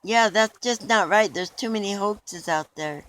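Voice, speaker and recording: A man's voice: high voice, unhurried, sharp tone, low-quality recording. A man being interviewed in a mock documentary, talking in an earnest, rambling way with restarts.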